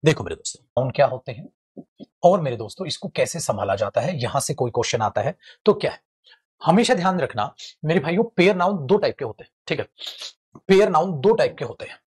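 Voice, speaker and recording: A man teaching English grammar in a lively, joking classroom lecture, calling his students friends and brothers. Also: a little high, brisk, husky.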